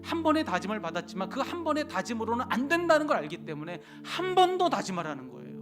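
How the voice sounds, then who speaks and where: Korean pastor preaching with rising, falling intensity. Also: male voice, high-pitched. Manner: dramatic sermon delivery with sudden loud and hushed phrases; acts out biblical dialogue in casual speech. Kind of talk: sermon.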